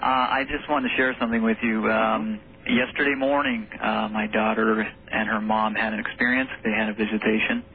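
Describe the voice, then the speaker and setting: A man's voice: lowish voice, little pitch movement, normal speed, few pauses. A man phoning in to a radio show, recounting a personal story on air. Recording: tinny, noisy telephone line.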